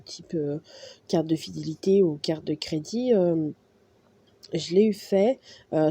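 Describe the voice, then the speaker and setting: Dark-voiced hesitant woman crafter. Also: fairly low pitch. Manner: hesitant, many fillers and restarts. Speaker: art journal crafter. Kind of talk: casual craft tutorial narration.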